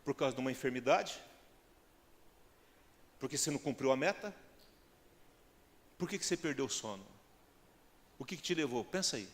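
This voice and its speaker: Brazilian pastor preaching in a reverberant church. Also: male voice, mid-range voice, lively intonation, normal speed, pauses often. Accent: Brazilian Portuguese. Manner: rhetorical questions to the congregation, builds to loud emphatic peaks. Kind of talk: sermon. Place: church hall. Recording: long church hall reverb.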